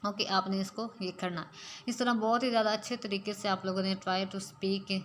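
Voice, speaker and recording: A woman's voice: medium pitch, flat delivery, moderate pace. Woman teaching english, explains step by step, mixes english in, bit of hiss. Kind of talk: spoken English lesson.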